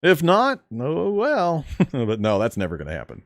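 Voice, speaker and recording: This male streamer answers viewers' questions in relaxed chat during a video game, his fairly strong voice sitting on the high side. His pitch swoops wildly, his speed is normal, and there's no echo.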